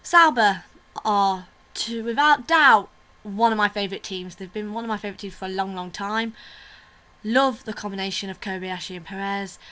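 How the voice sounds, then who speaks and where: A bright, forward-sounding woman talks to camera as the host of her own review vlog. She is chatty and opinionated, with plenty of fillers and asides. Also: medium pitch, normal speed. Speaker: vlogger host. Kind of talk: casual video review chat.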